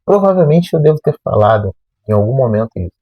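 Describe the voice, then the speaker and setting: Husky, mellow man from Rio. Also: medium pitch, fast talker, dry recording, rough recording. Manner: lively storyteller who acts out remembered dialogue. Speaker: math teacher and channel host. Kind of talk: personal motivational storytelling.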